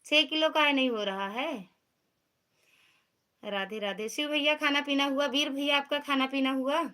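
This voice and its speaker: A woman's voice: high voice, fairly even intonation, normal speed, bright, forceful tone. A woman with an Awadhi accent hosting a casual live stream, chatting and teasing as she greets viewers by name. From Uttar Pradesh.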